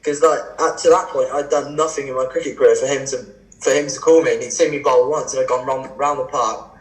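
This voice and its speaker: A man in his twenties, a cricketer as podcast guest, telling stories in a casual, animated way and acting out quoted exchanges. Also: medium pitch, fast. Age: 20s. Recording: roomy echo.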